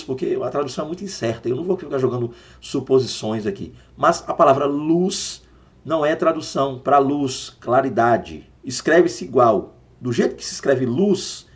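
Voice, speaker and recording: A man's voice: medium pitch, darkish tone. A Brazilian man teaching a Sunday school Bible lesson, explaining words patiently and repeating them to drill their pronunciation. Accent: Brazilian Portuguese.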